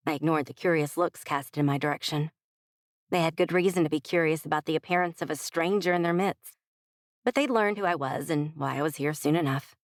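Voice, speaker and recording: A woman narrating a first-person romance audiobook in a measured, expressive storytelling manner, close to the mic. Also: deep voice, no room sound.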